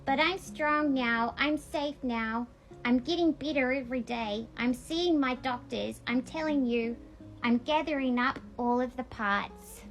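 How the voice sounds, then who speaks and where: Unhurried and high-voiced, a woman vlogger reads a picture book in a casual, childlike storybook way. Faint music plays behind her, and the recording is rough.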